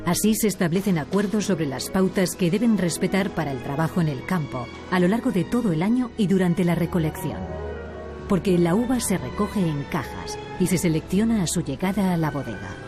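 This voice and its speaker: A woman reading scripted documentary narration in a calm, measured manner. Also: lowish voice. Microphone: studio voice-over. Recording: voice-over with music behind.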